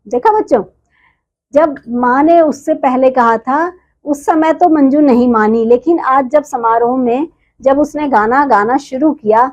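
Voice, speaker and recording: A woman's voice: sits high, darkish tone, dull audio. A woman teacher reading a storybook lesson to young children, explaining and repeating words for them.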